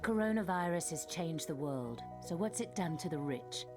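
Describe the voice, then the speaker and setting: A woman reads a scripted newspaper advert in a polished, measured way. Her voice sits fairly low. Clear music plays under her. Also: lively intonation. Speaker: advert voice-over. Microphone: studio voice-over mic.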